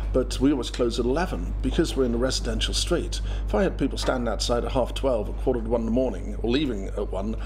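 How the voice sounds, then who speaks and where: A man's voice: medium pitch, a little mellow, slight background noise. A man in his fifties, a pub landlord, being interviewed in his pub, talking plainly with frequent hesitations and repeated words. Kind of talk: documentary interview. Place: inside a pub, by the bar.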